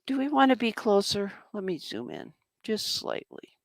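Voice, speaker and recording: A craft vlogger casually demonstrates a journal-making project, chatting to herself as she works. Her medium-pitched voice is sing-song with vocal fry, at normal speed, in a dry recording.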